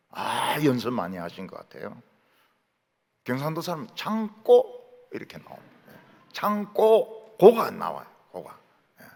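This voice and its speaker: A man's voice: fairly high pitch, vocal fry. A middle-aged man from the Gyeongsang region with a Gyeongsang accent, preaching a sermon and telling stories while mimicking dialect words. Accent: Gyeongsang Korean. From Gyeongsang region, Korea. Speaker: pastor. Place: large church sanctuary. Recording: long hall reverb.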